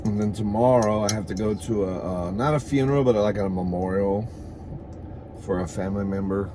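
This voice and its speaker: Talking a little fast in a fairly low-pitched voice, this man is heard against a noisy background. He hosts a comedy mukbang vlog, eating as he chats casually to the camera, campy and sassy with "girl" and "honey," bawdy, and free with his swearing.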